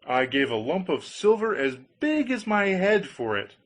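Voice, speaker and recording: A man's voice: high voice, sing-song, normal speed, pitched above the performer's own voice. A man voicing a cheerful, gullible young man in a storybook tale, eager and exclamatory. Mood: admiring, proud. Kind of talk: storybook character voice.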